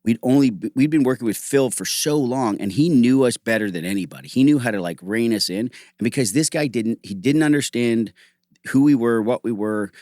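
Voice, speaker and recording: A middle-aged man hosting a casual podcast conversation, telling animated stories full of "like" and acted-out quotes. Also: medium pitch, a little fast, no echo, studio quality. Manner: animated storytelling, acts out quotes; heavy use of "like", frequent restarts. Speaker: host.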